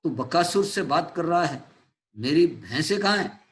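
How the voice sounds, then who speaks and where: A man's voice: on the high side, lively intonation, moderate pace, close to an everyday voice. A man voicing a fearsome man-eating male demon who growls threats, reading a play aloud to a class. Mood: threatening.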